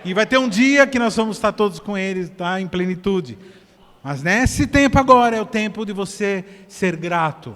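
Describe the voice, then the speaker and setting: A Brazilian man preaching a sermon at a church service, swinging from hushed to loud as he directs the congregation. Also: high voice, animated, normal speed, long reverb tail. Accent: Brazilian Portuguese. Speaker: pastor.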